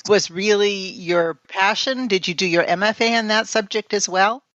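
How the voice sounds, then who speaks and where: A woman's voice: medium pitch, normal speed, a bit bright, no echo, dull audio. A woman hosting a podcast, reading an earnest intro and then asking an artist about her work. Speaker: podcast host.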